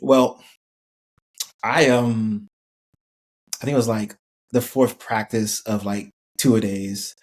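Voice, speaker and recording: A man's voice: fairly low pitch, slow, pauses often. Laid-back man telling a story. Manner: relaxed, laughing, lots of "like" fillers. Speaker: podcast guest, former college football player. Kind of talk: casual storytelling interview.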